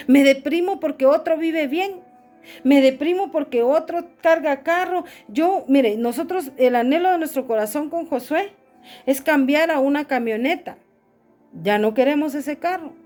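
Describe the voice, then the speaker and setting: High-voiced woman pastor preaching. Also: darkish tone. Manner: addresses listeners as "hermano", rhetorical questions. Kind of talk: sermon.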